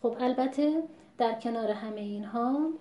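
A woman teaching Quran recitation in a measured, patient lesson, stopping to sound out words as examples. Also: on the high side, highs cut off. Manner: measured, patient, demonstrates pronunciations aloud. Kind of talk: explanatory lesson. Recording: echoey room.

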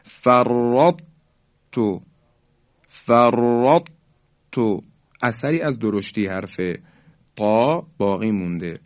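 A man teaching the rules of Quran recitation, explaining patiently and repeating example words slowly with emphasis. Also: fairly low pitch, lively intonation, dry recording, dull audio. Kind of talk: religious lesson on recitation rules.

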